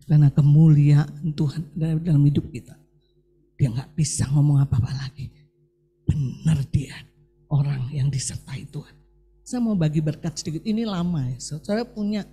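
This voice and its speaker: A man's voice: fairly high pitch, breathy edge. A middle-aged male preacher giving a sermon, talking animatedly and often turning to the congregation with questions. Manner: animated, keeps addressing the congregation as "saudara".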